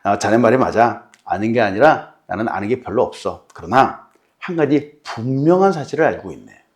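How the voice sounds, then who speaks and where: A pastor playing a humble reformed man in a sermon story, answering in a soft, modest voice. His speech moves in a lively way. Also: mid-range voice, normal speed, natural voice. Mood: earnest. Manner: modest, soft-spoken replies.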